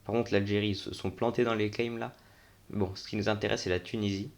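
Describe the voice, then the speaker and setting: A man's voice: lowish voice, level tone, a little fast. A young man giving casual, unscripted commentary on a game tour, thinking aloud in informal, slangy language. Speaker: gaming video host.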